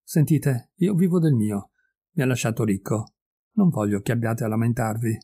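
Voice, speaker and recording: A man's voice: mid-range voice, normal speed, mellow, breathy edge. A man voicing a young son, awkward and moved, who speaks hesitantly and with restraint. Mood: restrained.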